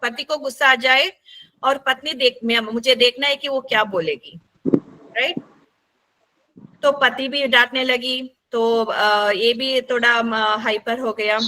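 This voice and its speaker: A woman's voice: on the high side, fairly even intonation, slow pace, bright, forceful tone, poor audio. A woman counselor leading a workshop, telling case stories in a chatty teaching style and often checking that listeners follow. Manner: keeps checking in with listeners, many fillers.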